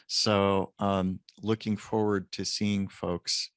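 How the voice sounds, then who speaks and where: A man in his late fifties, a professor guest in a casual interview, telling an animated story. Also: low-pitched, takes it slowly, clear, resonant tone, no room sound.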